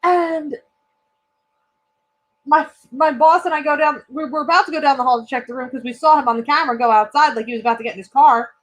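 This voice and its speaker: A young woman telling a story in casual podcast chat, animated and profane, laughing often. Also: high-pitched, fast. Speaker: podcast co-host.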